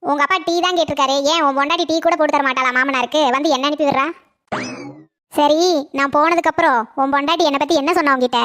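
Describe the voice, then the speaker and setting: A woman's voice: sits high, steady tone, fast, fairly bright tone. A woman voicing a scheming older mother-in-law in a cartoon comedy, prying and sly. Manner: coaxing, then prying and sly.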